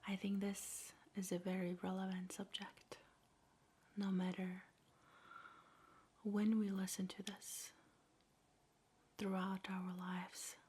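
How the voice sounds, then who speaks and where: This is a gentle, slow meditation guide: a woman whispering in a soft, breathy ASMR manner with measured pauses. Her voice is medium-pitched and monotone.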